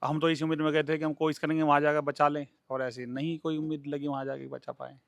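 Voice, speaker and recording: A man answers a reporter in a field interview. He talks bluntly and plainly, his voice has a gravelly edge, and it sounds close and dry. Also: fairly high pitch, level tone, fast talker, no echo. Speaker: interviewee, son.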